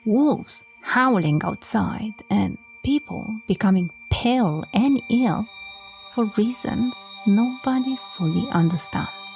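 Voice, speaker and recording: A woman from Romania hosting a book-talk podcast, speaking softly and sometimes dropping to a whisper. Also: mid-range voice, expressive, takes it slowly, gravelly, faint music behind. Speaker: podcast host.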